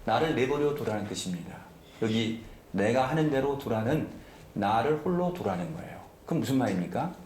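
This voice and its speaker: A man's voice: mid-range voice, expressive, brisk, darkish tone, echoey room, slight background noise. A man preaching a sermon as pastor, emphatic and often asking the congregation questions. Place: church sanctuary.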